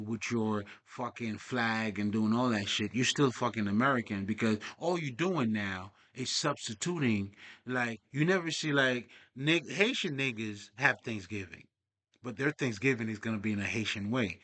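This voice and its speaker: Young man, spiritual vlogger, streetwise and profane, digressive, bright sharp tone. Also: mid-range voice, moderate pace. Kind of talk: casual rambling monologue.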